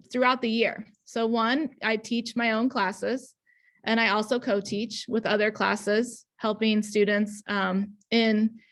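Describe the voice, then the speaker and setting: A bit bright and on the high side, this woman's voice comes through a webcam on a video call. She's in her thirties, from Indiana, USA, and teaches ENL, here giving a conference talk. She sounds earnest, with lots of ums and restarted phrases.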